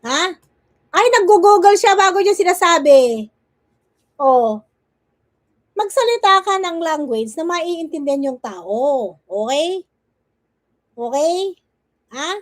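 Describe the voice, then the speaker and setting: A woman's voice: extremely high pitch, animated, slow pace, pauses often, no room sound. A woman vlogger giving mocking reaction commentary, teasing and scolding as she keeps asking her target "okay?" and "ha?". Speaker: vlogger reacting to another streamer.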